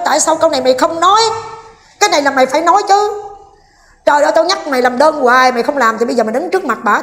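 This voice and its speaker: A woman vlogger, delivering a heated, combative rant and scolding while speaking directly to her viewers. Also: high-pitched.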